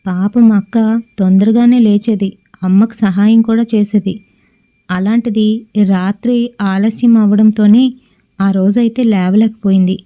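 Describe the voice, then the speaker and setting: Female storyteller, very dark mellow tone, narrates a ghost story and voices family members. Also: mid-range voice, steady tone, measured pace. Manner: acts out family members' lines in dialogue. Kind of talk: first-person storytelling.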